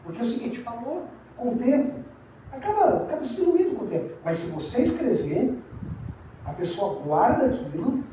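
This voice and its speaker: A man's voice: extremely high pitch, very animated, moderate pace, warm tone, a little hiss or hum. A man with a Brazilian Portuguese accent, preaching a sermon as pastor in a conversational way, repeating phrases and asking the congregation questions. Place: church sanctuary. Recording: very echoey, distant, dull church recording.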